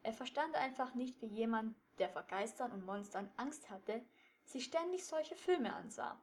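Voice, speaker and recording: A woman calmly reading a children's detective story aloud. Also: fairly high pitch, a little slow.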